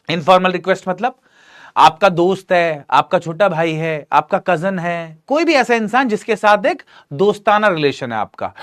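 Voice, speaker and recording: A man teaching a grammar lesson in a lively, joking way, often asking his students questions. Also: sits high.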